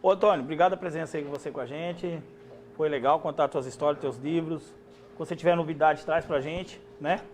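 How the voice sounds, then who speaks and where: A man's voice: on the high side, brisk, slight background noise. A man with a Brazilian Portuguese accent hosting a casual interview, chatty and joking with his guest. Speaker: show host.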